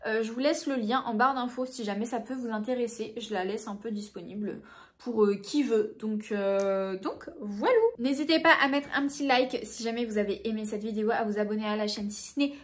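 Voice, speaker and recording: A woman's voice: on the high side, fairly even intonation, a little fast. A woman in her late twenties, a book vlogger chatting casually to camera and thinking aloud with lots of fillers. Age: late 20s.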